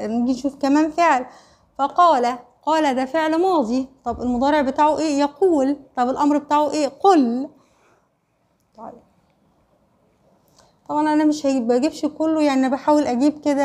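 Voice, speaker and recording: A woman's voice: high voice, darkish tone. A woman teacher with an Egyptian accent giving an online primary school Arabic lesson, quizzing pupils with questions she answers herself and checking in with short tags. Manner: repeats "خلاص؟" and "ماشي؟" to check understanding.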